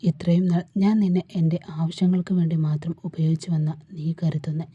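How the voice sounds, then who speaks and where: A woman's voice: fairly low pitch, level tone, fairly quick, mellow, husky, no echo, highs cut off. A woman reading a storybook part of a hurt young husband who pleads with his wife. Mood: wounded.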